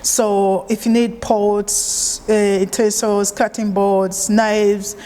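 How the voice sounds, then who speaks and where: Taking her time, a Ugandan-born woman chef talks at medium pitch in an oral history interview, her speech casual and sprinkled with fillers. The audio carries a big-room sound.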